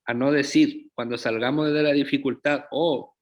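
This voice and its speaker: A man's voice: mid-range voice, fairly even intonation, dull audio. A man preaching a sermon as pastor, often checking in with the congregation through rhetorical questions. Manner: slow, deliberate preaching with frequent rhetorical check-ins to the congregation.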